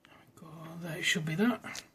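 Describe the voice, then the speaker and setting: A man with a fairly high voice talks fairly quickly over a lot of noise. He's an amateur radio operator making a demo video at a desk in a front room, chatting casually and matily, packed with radio jargon and call signs.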